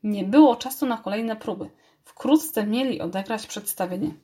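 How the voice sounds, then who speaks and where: A woman reading a children's story aloud, narrating lively and switching voices for the characters. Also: medium pitch, normal speed.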